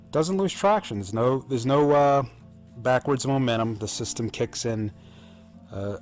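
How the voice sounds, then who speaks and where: An American man talks over trail footage in a casual, enthusiastic way and pokes fun at himself as he goes. His voice sits at an ordinary middle pitch. He takes his time and lets his sentences run long. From United States. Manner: enthusiastic and self-mocking. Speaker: off-road channel host.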